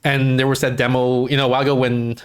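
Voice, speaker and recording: A male streamer chatting casually with a co-host. He rambles, restarts his sentences and leans on fillers. His pitch sits in the middle range. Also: little pitch movement, quick pace, clean tone. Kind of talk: casual chat.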